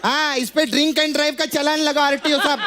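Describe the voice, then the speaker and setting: A man playing a loud, bossy comic nurse who teases the patient, in a comedy sketch. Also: very high voice, fairly even intonation, brisk. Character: brash comic nurse character, woman. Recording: loud studio audience and noise.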